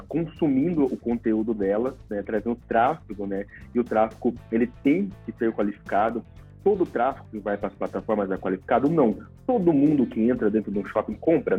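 A man's voice: mid-range voice, slightly rough, narrow, tinny audio. A Brazilian man, a podcast guest, explaining things in a casual, informal way and often adding tag questions. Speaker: podcast guest, paid traffic manager.

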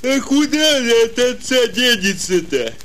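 A man's voice: very high-pitched, big pitch swings, a little slow, a bit bright, full character voice. An actor playing a simple, folksy male palace servant in a fairy-tale audio drama. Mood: dim, obliging.

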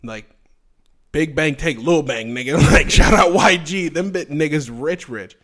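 A man's voice: fairly high pitch, unhurried, fairly bright tone. A man co-hosting a podcast in casual chat, brash, provocative and full of swearing. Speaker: podcast co-host.

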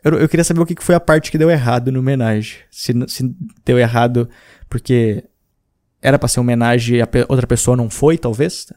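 A man's voice: mid-range voice, a little fast, darkish tone. A man in his thirties from Brazil, hosting a podcast and chatting informally about listener messages, rambling with slang and restarts. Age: 30s. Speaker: podcast host. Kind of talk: casual podcast chat reading listener messages.

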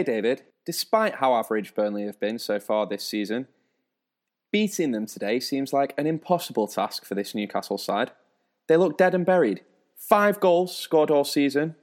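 A man's voice: mid-range voice, darkish tone. A man hosting a spoof football show, with a dry, teasing presenter delivery. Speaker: host.

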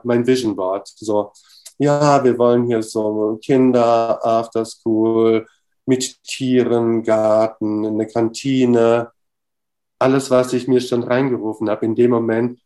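A middle-aged man telling a personal story in an interview, lively and full of fillers, acting out the dialogue as he goes. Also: mid-range voice. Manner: animated, acts out dialogue, many fillers. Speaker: interview guest. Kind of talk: casual storytelling.

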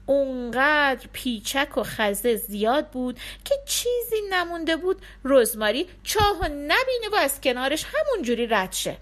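A woman narrating a folk tale for listeners, expressive and acting out the characters. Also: high-pitched, few pauses.

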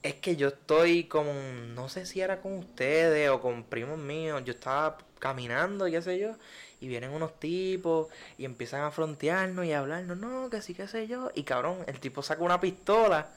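Young man telling a dream story. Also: a little high. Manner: slangy storytelling, drawn-out and animated when telling a scary dream. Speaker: podcast co-host. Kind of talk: casual chat.

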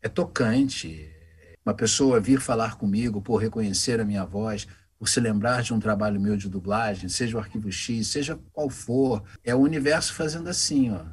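A man, a voice actor telling anecdotes in a casual interview, animated and acting out the voices of the people in his stories. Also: fairly low pitch, fairly quick, hardly any pauses, husky. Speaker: voice actor guest.

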